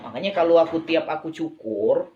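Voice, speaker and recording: A man's voice: on the high side, lively intonation, normal speed, warm tone, lo-fi sound. A man giving a persuasive business talk to a live online audience, often asking listeners whether they agree and repeating phrases for emphasis. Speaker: business motivational speaker.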